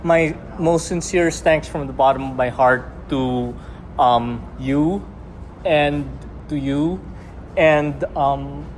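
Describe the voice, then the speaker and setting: A man's voice: fairly high pitch, slow, a little hiss or hum. A male fan talking casually, earnest and hesitant with lots of ums. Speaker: fan at a meet and greet. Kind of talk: casual chat.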